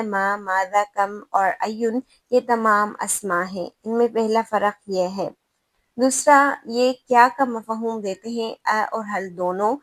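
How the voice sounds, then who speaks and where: A woman with a Pakistani Urdu accent teaches grammar in a slightly high voice. She explains patiently and repeats each example slowly. The sound is close and dry, with no room around it. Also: no room sound.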